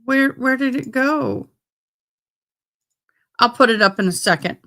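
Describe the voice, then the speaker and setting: A woman's voice: a little high, unhurried, bright, forceful tone. A woman hosting a livestream, chatting casually and informally to her viewers in a folksy way. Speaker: livestream host.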